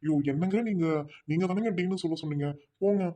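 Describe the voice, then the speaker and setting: Woman doing a deep-voiced teasing boyfriend. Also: fast talker, warm tone, natural voice. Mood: coy. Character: young man, playful teasing boyfriend.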